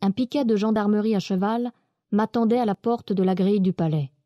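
A woman reading a classic novel aloud in calm, even first-person narration. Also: medium pitch, brisk, dry recording, muffled recording.

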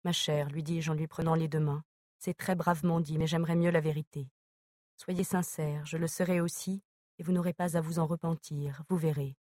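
Low-voiced woman reading a novel aloud, pretty monotone, super dry sound. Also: moderate pace, no room sound. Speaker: audiobook narrator. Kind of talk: scripted narration of a novel.

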